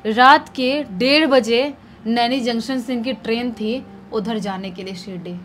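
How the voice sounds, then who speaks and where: A woman retelling a spooky story in a conversational, animated way, as narrator of a horror story channel. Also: on the high side, unhurried, a little hiss or hum. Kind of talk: casual spoken horror storytelling.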